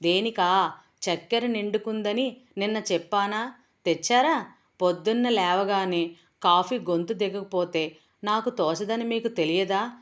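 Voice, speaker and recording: A woman voicing a sharp-tongued young housewife who scolds and questions her husband, in a storybook reading. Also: mid-range voice, unhurried, natural voice. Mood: scolding.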